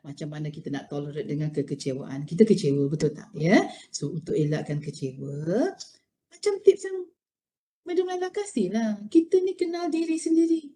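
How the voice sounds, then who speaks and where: A middle-aged Malaysian woman giving an expressive motivational university lecture, mixing Malay and English with many rhetorical questions. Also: low-pitched, moderate pace.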